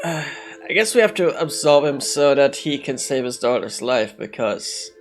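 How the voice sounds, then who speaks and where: A man commentates casually on a video game, reasoning his way through it out loud. His voice sits at a medium pitch, with some music playing underneath. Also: lively intonation, a little slow. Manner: thinks aloud, deliberating.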